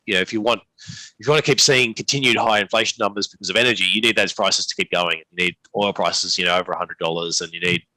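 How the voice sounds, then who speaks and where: An investment manager, appearing as an interview guest, gives unscripted market commentary in a live Q&A. His voice is lowish and bright, his delivery halting with repeated words and many restarts. The recording is close, dry and rough, with no room sound.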